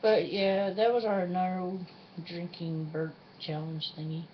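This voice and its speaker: In a casual challenge vlog shot indoors at home near a refrigerator, the woman host chats informally with a partner in a folksy, self-deprecating manner. She speaks slowly, with a fairly low voice and little pitch movement, on a dull lo-fi recording with faint noise.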